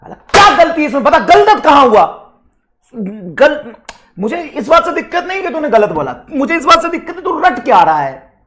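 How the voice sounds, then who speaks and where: A man teaching physics who keeps breaking off to scold his students, sarcastic and blunt, with sudden loud outbursts. His voice sits high and swings wildly up and down as he lectures. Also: big pitch swings, moderate pace. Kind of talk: scolding a class while teaching.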